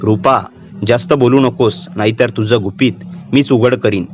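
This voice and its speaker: A man's voice: medium pitch, moderate pace, lo-fi sound, soft background music, close to an everyday voice. A man voicing a young girl possessed by a vengeful female spirit, speaking in a cold, taunting way. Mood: menacing. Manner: cold, menacing, calmly taunting. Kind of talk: storytelling narration.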